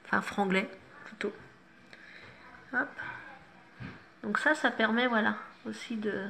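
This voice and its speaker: A middle-aged woman with a higher-than-average, vivid voice walks viewers through a makeup tutorial. She stays chatty and instructive, tossing in self-mocking asides. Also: takes it slowly, vocal fry, pushed and bright, a little hiss or hum. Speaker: makeup vlogger.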